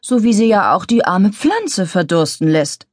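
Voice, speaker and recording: A woman's voice: mid-range voice, big pitch swings, measured pace, dry recording, clean studio sound. A woman voicing a snide, venomous female office colleague who swears by astrology.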